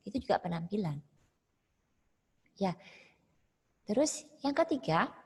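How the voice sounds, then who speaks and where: A woman's voice: mid-range voice, a little mellow, husky, in a large hall. A woman teacher, explaining a lesson step by step during an online class and checking in with "ya" again and again. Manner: explains step by step, asks "ya" often.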